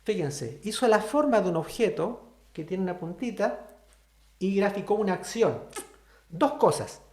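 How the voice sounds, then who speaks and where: Sign language teacher on a video call, patient and explanatory, mid-pitched voice with a roomy echo. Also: animated, unhurried, darkish tone. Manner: patient, explanatory, often checks in with "¿cierto?". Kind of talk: online class explanation.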